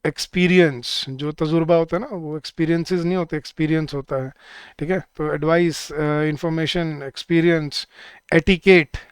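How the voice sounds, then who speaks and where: A man teaching a live online class for bank exam students, speaking Hindi, repeating each word slowly and drilling the rules, with words said. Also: on the high side, steady tone, clean tone, no echo.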